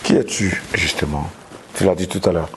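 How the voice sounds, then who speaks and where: A man's voice: sits low, moderate pace, slight background noise. A man interviewing a guest in her home, asking probing follow-up questions in a casual, informal way. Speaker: interviewer for an online celebrity news channel.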